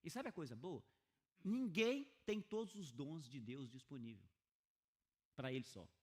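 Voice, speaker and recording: A man preaching a sermon as pastor, emphatic and slowing down to stress key words. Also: fairly high pitch, lively intonation, darkish tone.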